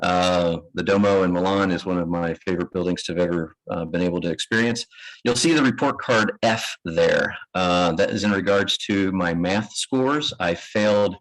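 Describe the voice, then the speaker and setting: Kentucky guy with a real low voice giving a talk, laid back, pokes fun at himself. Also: normal speed, low-quality recording. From Kentucky, United States. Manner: self-deprecating, relaxed. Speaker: guest presenter. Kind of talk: conference presentation. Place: lecture room with live audience.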